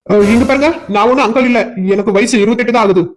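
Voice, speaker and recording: Guy doing cartoon drama voices, south tamil accent, jokey and flustered, talks quick. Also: extremely high pitch. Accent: south Tamil Nadu dialect. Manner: joking and flustered, laughs between lines. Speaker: voice actor for a cartoon series.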